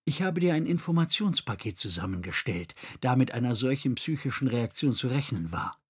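A male narrator voicing a nursing machine that speaks quietly, patiently and firmly. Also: medium pitch, expressive, normal speed, husky. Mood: calm firm.

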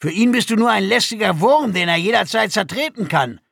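A man voicing a huge, brutish male alien guard in an audiobook, loud, mocking and threatening. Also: a little high, normal speed, creaky, husky, dry recording, clean studio sound. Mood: sneering.

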